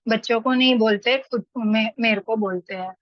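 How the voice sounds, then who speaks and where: Woman, middle-aged, casual anecdotal talk, fairly high pitch, dry close sound, muffled lo-fi recording. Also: moderate pace, no echo. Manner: chatty, anecdotal, acts out quoted voices. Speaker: study group speaker. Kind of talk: casual spoken discussion.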